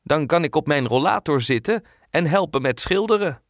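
A man's voice: a little high, expressive, moderate pace, no echo, clean studio sound, pitched above the performer's own voice. A man doing a friendly old carpenter. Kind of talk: audiobook character voice.

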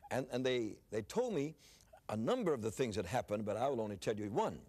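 Lively older male preacher. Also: medium pitch, fairly quick, slightly rough. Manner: lively, repeats words when starting phrases. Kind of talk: sermon storytelling.

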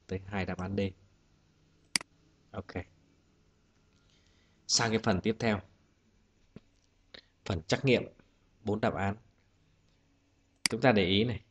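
A man's voice: low-pitched, slight background noise. A male teacher walking students through an exam-prep lesson, patient and methodical, saying each example word twice before explaining it. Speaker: English teacher.

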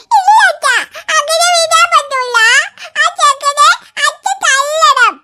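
A woman's voice: very high voice, sharp tone, heavily acted. A sobbing, whiny little cartoon girl. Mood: insistent. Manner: whiny, sobbing, drawn-out pleading. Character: small crying girl, hurt and stubborn. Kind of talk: cartoon voice acting.

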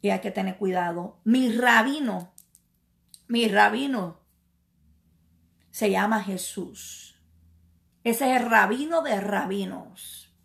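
A woman evangelist preaching a sermon slowly and emphatically, repeating words and asking rhetorical questions. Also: mid-range voice, gravelly, fairly bright tone.

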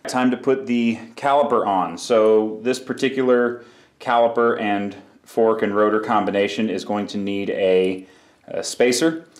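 Steady and unhurried, a bike mechanic with a lowish voice explains a repair step by step in his workshop. His tone is casual and practical for this hands-on tutorial, and the sound is roomy.

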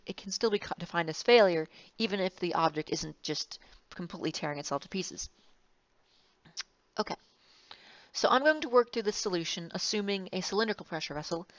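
A woman's voice: on the low side, dry recording. A woman engineering instructor giving a recorded lecture, rambling and correcting herself with wry asides. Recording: dull, slightly muffled, dry sound.

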